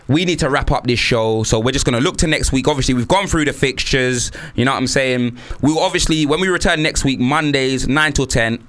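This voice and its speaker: A man's voice: mid-range voice, fairly quick, few pauses, fairly bright tone. Male radio co-host, London accent, roadman slang delivery, loose conversational banter.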